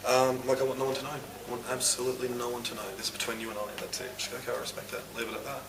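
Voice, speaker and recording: Australian man, rapid storyteller who voices the dialogue; roomy, distant, noisy recording. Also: mid-range voice, vocal fry. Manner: animated, acts out dialogue. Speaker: interviewee. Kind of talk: personal storytelling.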